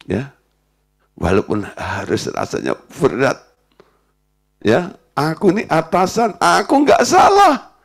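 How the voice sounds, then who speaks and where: A man preaching a sermon as pastor, acting out dialogue from stories as he teaches. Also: a little high. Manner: animated preaching, acts out quoted dialogue.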